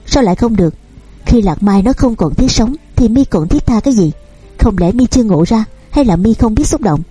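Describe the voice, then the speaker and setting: A scolding, grieving mother of advanced years, insistent and firm. Her voice is dark and husky, close and dry, as a woman storyteller reads her. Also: fairly high pitch, lively intonation, brisk, no echo, faint music behind.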